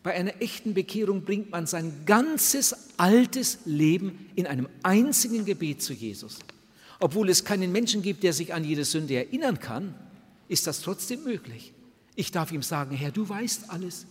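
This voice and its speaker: Husky-voiced older male preacher in a hall. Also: sits high, very animated, moderate pace. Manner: earnest, addresses new converts directly, voices quoted prayers. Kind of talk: sermon. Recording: reverberant hall, somewhat husky sound.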